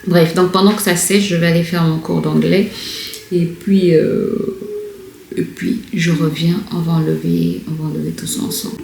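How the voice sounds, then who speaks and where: A woman's voice: fairly low pitch, flat delivery, moderate pace, gravelly, darkish tone. A woman vlogging casually at home, talking in a chatty, hesitant way with many fillers and restarts. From Congo. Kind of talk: casual vlog chat. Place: room at home. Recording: echoey home room, faint background noise.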